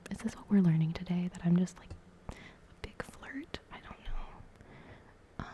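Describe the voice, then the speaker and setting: A woman in a whispered role-play, playing and reading a game aloud in a soft, chatty whisper and reacting as she goes. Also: on the low side, expressive, moderate pace. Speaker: ASMR creator.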